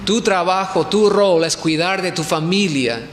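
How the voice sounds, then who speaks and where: In an echoey church hall in Ecuador, a man preaches at a pastors' conference, putting questions to his listeners and repeating his main points. His voice is high and unhurried, with slight background noise in the recording.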